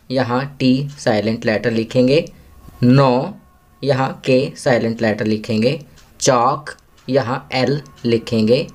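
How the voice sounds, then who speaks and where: A man with an Indian accent walks children through a worksheet lesson. He talks at an unhurried pace and draws out each English phrase word by word. His voice sits at an ordinary middle pitch. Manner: slow, deliberate English phrases. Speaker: teacher.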